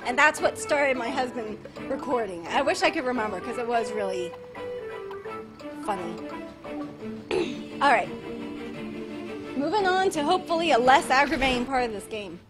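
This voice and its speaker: A young woman with a high voice talks through a live gameplay stream, rambling and exasperated, breaking into shouts. Her voice sounds worn from screaming, and game music plays clearly behind her. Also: expressive, moderate pace, pauses often.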